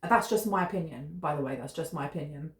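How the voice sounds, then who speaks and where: A British woman with a deep voice and a fast way of talking gives a casual tarot reading to camera, musing aloud in a meandering fashion with fillers. The camera sits close in front of her in an echoey room.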